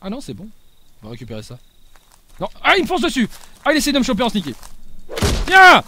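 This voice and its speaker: A young man streaming a survival game live, swinging between loud yelling and low muttering and swearing a lot. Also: wildly swooping pitch, racing. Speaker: gaming streamer.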